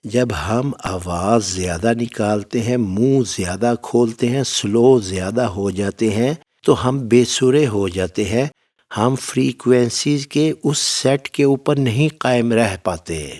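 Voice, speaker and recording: Far from the mic, a man with a medium-pitched, slightly mellow voice teaches Quran recitation in a spoken lesson. He speaks to his students in a fatherly way, calling each "my son," and gives firm, step-by-step instructions.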